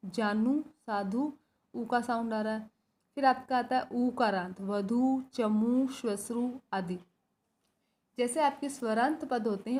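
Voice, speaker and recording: A woman's voice: a little high, darkish tone, a little hiss or hum. A woman teacher with a Rajasthani Hindi accent, explaining grammar step by step and answering her own questions. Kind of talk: grammar lesson. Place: school.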